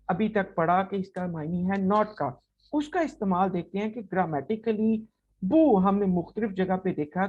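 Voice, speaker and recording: Woman, language teacher, recorded lesson, slow and deliberate, repeats examples, checks in often, slightly muffled lo-fi sound. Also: medium pitch.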